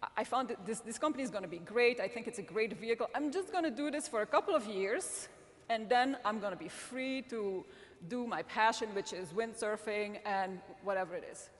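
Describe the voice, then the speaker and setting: In a large event hall with long reverb and a little hiss or hum on the recording, a middle-aged Belgian woman addresses a live audience at a summit. She is a magazine editor-in-chief speaking English, which is not her first language but one she learned later. Her delivery of the earnest conference talk is brisk and on the high side, with many restarts.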